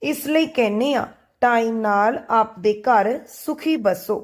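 A woman's voice: on the high side, takes it slowly. Woman doing a firm, worried middle-aged mother, coaxing, storybook reading.

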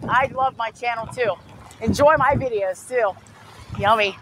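Strolling along a small-town street, a young man vlogs on a handheld phone at arm's length, exclaiming over and over about the coming storm. He has a very high voice and keeps a measured pace, with outdoor street noise around him.

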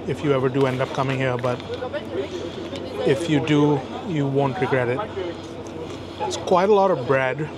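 A man in his thirties from India, casually reviewing sandwiches to camera on an outdoor café terrace, tasting and reacting aloud as he goes. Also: mid-range voice. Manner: chatty, relaxed, tastes and reacts aloud. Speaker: food vlogger. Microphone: camera-mounted shotgun mic.

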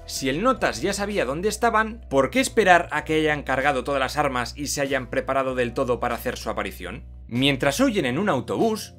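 Male film commentator, Castilian Spanish accent, sardonic and colloquial, scripted comedy recap with very animated delivery. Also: fairly high pitch. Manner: sarcastic, sweary, colloquial. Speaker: film review narrator.

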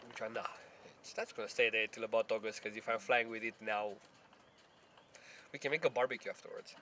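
A man jokes dryly in casual banter out at a model airfield. He delivers it in a flat, even tone that hardly rises or falls. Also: lowish voice, brisk, slight background noise.

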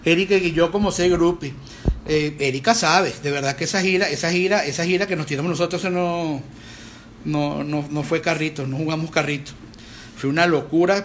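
Male host, middle-aged, high pitch, loose and chatty, slight noise floor. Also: a bit bright. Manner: rambling, chatty, with restarts and fillers. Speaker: band frontman hosting a live stream. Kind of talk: casual live-stream chat.

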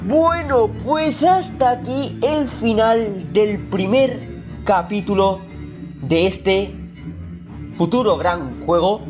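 Jumpy Spain-accented gamer, lively swings. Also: mid-range voice. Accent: Spain Spanish. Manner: jumpy, exclaiming, nervous chatter to viewers. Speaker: gaming YouTuber. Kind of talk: horror game let's play commentary. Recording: dull lo-fi audio with faint game music.

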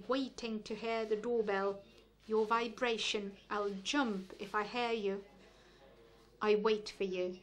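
A woman reads translated poetry aloud at a festival reading. Her voice sits a little high and her delivery is measured and deliberate. She stops only briefly to explain a term. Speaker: poetry reader.

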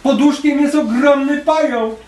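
A man voicing a frightened little girl with a shrill, raised voice while reading a children's story aloud. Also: steady tone, unhurried, darkish tone. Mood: scared. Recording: echoey room, distant mic, faint noise.

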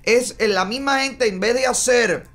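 A man's voice: very high-pitched, measured pace, fairly bright tone, faint music behind. A middle-aged Cuban man hosting a studio show, giving indignant political commentary and gesturing a lot as he talks. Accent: Cuban Spanish. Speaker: host. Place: small studio in front of a bright backdrop.

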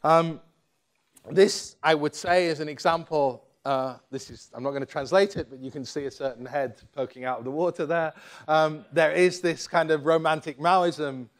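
Older man lecturing from a lectern. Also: on the high side. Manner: halting, many fillers and restarts, gestures while speaking. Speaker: keynote speaker. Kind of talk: academic lecture. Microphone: lectern microphone.

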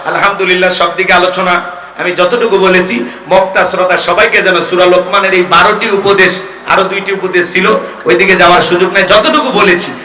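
A man's voice: sits high, little pitch movement, a little fast, sharp tone. A man preaching a waz sermon at a night gathering, quizzing the crowd and quoting Arabic verses, heard through a public address system. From Bangladesh. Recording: echoey outdoor PA from far off.

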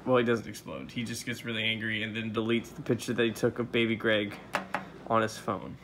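A man's voice: lowish voice, little pitch movement, a little fast, noisy background. A young man casually recapping a show episode in a rambling, profane way, full of ums and uhs.

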